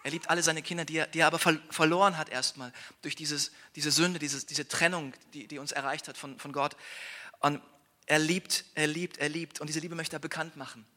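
A man's voice: a little high, fairly even intonation, a little fast, bright, forceful tone. A man preaching a sermon as a pastor, earnest and conversational, often checking in with his listeners and repeating words as he restarts. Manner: earnest, tag questions like "ja?". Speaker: pastor and church planter.

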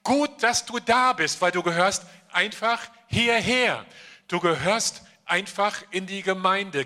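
A middle-aged man preaches a sermon to his church congregation through a microphone. He speaks at an unhurried, measured pace with a bright, somewhat high voice. He leans on earnest rhetorical questions aimed straight at his listeners. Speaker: pastor. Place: church service. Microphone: handheld microphone.

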